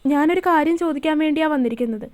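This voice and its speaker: Elderly grandmother, gentle and firm, calm measured speech, high bright voice, read by a woman. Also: lightly acted. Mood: tender.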